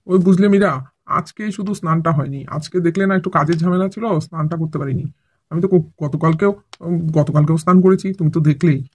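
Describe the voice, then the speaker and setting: A man's voice: a little high, quick pace, darkish tone, breathy edge. A man playing a stubborn husband and father who avoids bathing and argues defensively. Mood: sheepish. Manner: defensive, scolding. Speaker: actor in a comic family skit.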